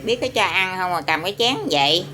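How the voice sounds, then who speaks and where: A woman's voice: on the low side, lively intonation, a little fast, sharp tone. A woman with a Southern Vietnamese accent talking to her pet parrot, teasing it and asking it questions over and over. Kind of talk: casual talk to a pet.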